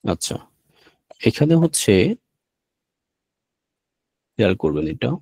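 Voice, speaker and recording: A man with a Bangladeshi Bengali accent teaching an online language lesson, slow and patient, repeating each sound. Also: mid-range voice, animated, creaky, a little mellow, breathy edge, no echo.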